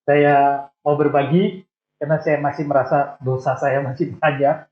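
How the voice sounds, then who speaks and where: At a normal pace, a slightly high-voiced man from Indonesia in his sixties recounts his life as an interview guest, poking gentle fun at himself. The chat is relaxed, and the audio is phone-like and thin, with room echo.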